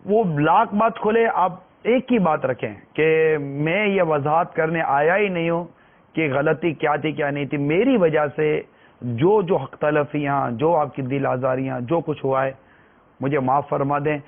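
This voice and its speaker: A man giving a religious talk, pleading earnestly and repeating his phrases. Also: a little high. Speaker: preacher. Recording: tinny phone-like sound.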